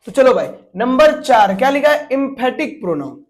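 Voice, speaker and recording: A woman's voice: sits high, sing-song, moderate pace, a little mellow. A woman teacher explaining a grammar lesson to exam students, repeating points and asking rhetorical questions.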